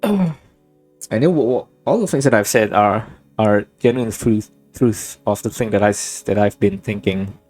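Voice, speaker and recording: Playing a game, a young Indonesian gaming vlogger, native to the language, thinks out loud in a meandering, reflective way, often stopping and restarting sentences and using lots of fillers. His voice is on the low side with a darkish tone, recorded with no room sound and faint background music.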